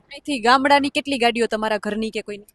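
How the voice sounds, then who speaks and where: A woman news reporter asking probing, measured questions in a field interview. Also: on the high side, a bit bright, no room sound.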